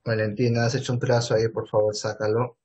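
A man's voice: medium pitch, little pitch movement, fast talker, a little mellow, husky. A man with a Peruvian Spanish accent teaching math in an online class over a video call, asking questions and answering them himself. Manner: asks and answers his own questions.

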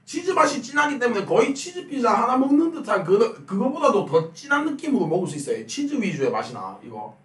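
A man reviews food in a loose, rambling stream while chewing as he talks. His voice is high and swings up and down a lot. He sits back from the mic in an echoey room. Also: big pitch swings, brisk, few pauses, far from the mic. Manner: chatty, rambling food commentary. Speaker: mukbang streamer. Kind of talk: casual food review chat.

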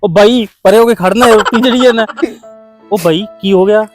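Punjabi-accented man, high voice, brisk and impatient, comic sketch. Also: music in the background. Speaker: comedy sketch actor. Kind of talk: comic village sketch acting.

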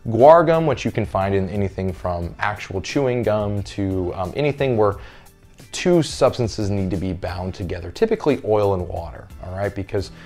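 A man's voice: fairly low pitch, moderate pace, darkish tone, faint music behind. A man in his thirties, a fitness coach, explaining a topic in a casual, conversational way and checking in with "all right?". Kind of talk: casual talking-head lesson. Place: carpeted room with window blinds, indoors.

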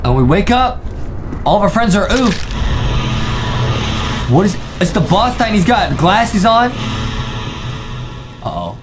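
Over loud music, a young man hosts a reaction video, firing off hyped live commentary packed with exclamations, slang and repeated catchphrases. His voice sits high with big pitch swings, runs a little slow, and pauses often.

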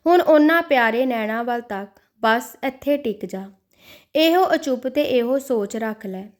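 A woman's voice: a little high, animated, measured pace. A woman voicing a devout man who pleads with and scolds his own restless mind in an inner monologue. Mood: self-urging.

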